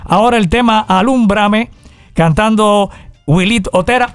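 A man hosting a radio interview, upbeat and quick to agree. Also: sits high, clean tone, no echo, faint music behind. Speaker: radio host.

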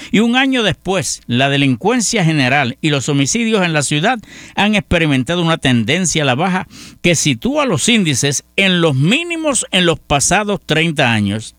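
Here a slightly high, fairly bright male voice comes through a dry, clean studio recording. The speaker is a middle-aged radio host from Puerto Rico, accent unmistakably Puerto Rican Spanish, delivering a folksy news roundup with his own commentary and addressing his audience as friends.

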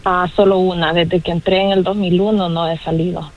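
A woman's voice: lowish voice, little pitch movement, a little fast. A woman calling in to a radio show, asking her question in a direct, matter-of-fact way. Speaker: caller. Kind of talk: phone-in call. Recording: muffled phone line.

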